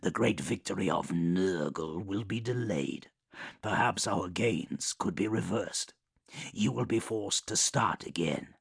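A man voicing an ancient, menacing male demon lord who speaks in slow, low, measured threats. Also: animated, vocal fry, husky, dry recording, studio quality, exaggerated voice. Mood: cold, menacing.

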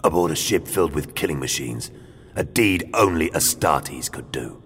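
A man voicing a grim psychic space marine who speaks with measured contempt. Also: very deep voice, expressive, a bit bright, long reverb tail. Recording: noisy background.

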